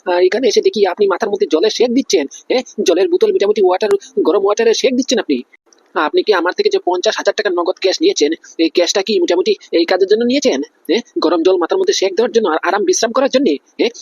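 A man's voice: sits high, a little mellow, slightly rough, no room sound, dull audio, exaggerated voice. A man voicing an angry male briber who badgers a police officer, indignant and demanding in a cartoon comedy. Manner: indignant, badgering, repeats "hyan?".

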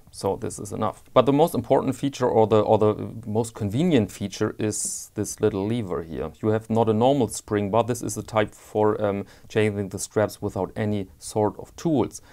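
A man's voice: lowish voice, normal speed, mellow. A man giving a casual watch strap review, hesitant and often repeating words as he searches for them, with candid personal opinions.

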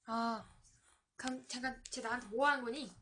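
A woman with a high voice streams a game, reading the story text aloud and then murmuring softly to herself as she plays. The talk is casual and mostly quiet, as if she is thinking out loud. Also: fairly even intonation, normal speed, slight background noise.

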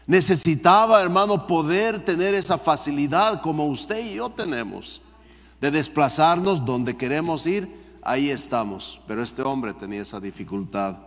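Reverberant church pastor preaching. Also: male voice, lively intonation, normal speed. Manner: reads scripture aloud, then comments, often addressing listeners as "hermano"; voice rises sharply in pitch and loudness when repeating the cry for mercy. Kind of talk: Bible study sermon. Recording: long church hall reverb.

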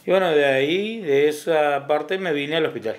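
A man's voice: fairly high pitch, normal speed, a loud crowd. Hesitant middle-aged Argentine man. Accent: Argentine Spanish. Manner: hesitant, repeats words, adds tag questions. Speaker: hospital ambulance driver. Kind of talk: casual interview talk.

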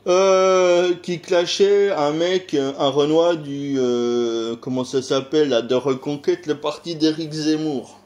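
A man's voice: a little high, fairly even intonation, slow, few pauses, darkish tone. A middle-aged man with a French accent, rambling in a casual video monologue, full of sighs, fillers and rhetorical questions. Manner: hesitant, lots of filler sounds and sighs. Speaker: YouTuber.

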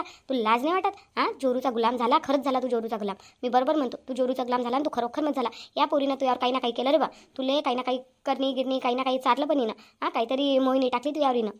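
A sharp-tongued older mother-in-law from a cartoon, scolding at a breakneck pace in a high voice, as a woman puts her on. She fires accusing question after question and never lets up. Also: natural voice. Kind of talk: cartoon voice acting.

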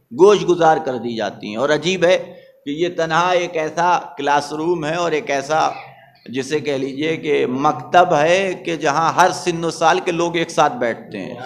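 Male preacher, Indian Urdu-Hindustani accent, high voice, rhetorical sermon with repeated lines and call-outs to the crowd. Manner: rhetorical, repeats phrases, asks the crowd "isn't it?"; rises to forceful emphasis on key points. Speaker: Shia cleric giving a majlis sermon.

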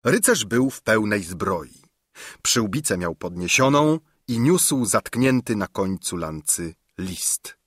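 A man narrating a storybook in a theatrical, lively reading style. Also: fairly low pitch, slow, no echo, studio quality. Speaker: audiobook narrator.

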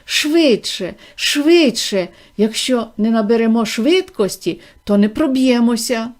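Storybook figure: eccentric, theatrical factory owner, gushing and excitable, voiced by a woman reader, warm and soft. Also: medium pitch, a little slow. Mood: thrilled. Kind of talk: audiobook reading.

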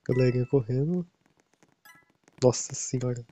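A man with a Brazilian accent talks over his gameplay in a casual stream. He reacts with quick, excitable exclamations and chuckles. His voice sits at a middle pitch over loud game music. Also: husky. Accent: Brazilian Portuguese. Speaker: gaming streamer.

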